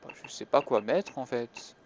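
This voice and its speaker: A man's voice: medium pitch, a little slow, a little hiss or hum. A young man musing through gameplay commentary as a gaming YouTuber, hesitant and chuckling to himself. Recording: music playing behind.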